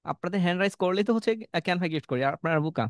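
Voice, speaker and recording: A man's voice: sits high, rapid-fire, no echo, studio quality. A man teaching an online class, coaching students through tongue twisters and calling on them by name. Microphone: computer mic on a video call.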